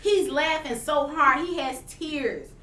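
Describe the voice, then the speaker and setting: Animated woman telling stories, bright. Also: high-pitched, slow. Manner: animated storytelling, teasing. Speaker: podcast co-host. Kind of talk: casual chat. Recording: roomy, distant mic, faint hiss.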